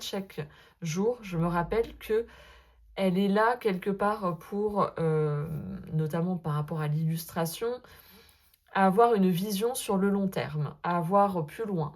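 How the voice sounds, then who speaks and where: A woman talking casually to her viewers about her tarot cards, full of hesitant fillers and gentle asides. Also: on the low side. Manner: hesitant, many filler euhs, gentle and self-deprecating. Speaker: sophrologist and tarot vlogger. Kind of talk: casual spoken vlog, addressing viewer as tu.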